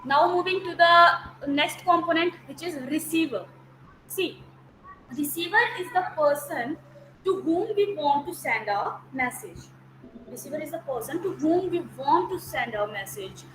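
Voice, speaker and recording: A woman with a high, lively voice speaks unhurriedly over a noisy background, heard through a video call. She is a Hindi native speaker and an academic counsellor teaching an online lecture, explaining step by step, repeating key terms and checking that students follow.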